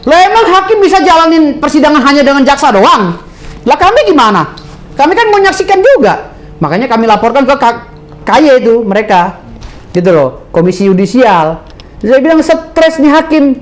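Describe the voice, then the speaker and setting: A man's voice: very high voice, moderate pace. A man, a lawyer answering interview questions in a heated, indignant way. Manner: indignant, animated, mimics others.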